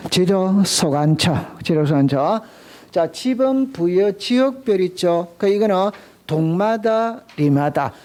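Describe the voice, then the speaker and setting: A man's voice: high voice, animated, takes it slowly, darkish tone. A man teaching a real estate exam class, quizzing students with call-and-response and repeating key terms. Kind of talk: classroom lecture.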